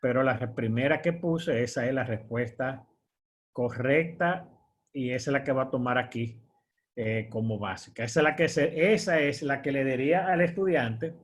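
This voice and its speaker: A man's voice: medium pitch, normal speed. A man, teaching an online course as a screen-share tutorial, explaining step by step with fillers and frequent "verdad?" checks.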